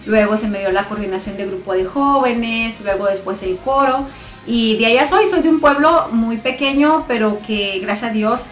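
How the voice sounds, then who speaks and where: A woman in her thirties from Chihuahua with a northern Mexican accent, talking about her faith as a guest in a radio interview, chatty and full of fillers. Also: mid-range voice. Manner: warm, chatty, laughing, many fillers. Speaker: guest singer and missionary. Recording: roomy studio with faint music.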